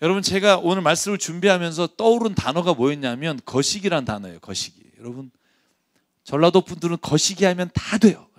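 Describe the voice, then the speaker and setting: A man preaching a sermon as pastor, conversational and lively, asking his listeners rhetorical questions. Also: a little high, brisk, dry recording, studio quality.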